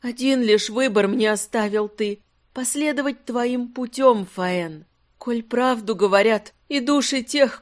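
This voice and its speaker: A narrator voicing a young male actor reciting a mournful stage monologue slowly, in declamatory verse, in an audiobook. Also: mid-range voice, natural voice. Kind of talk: audiobook character voice.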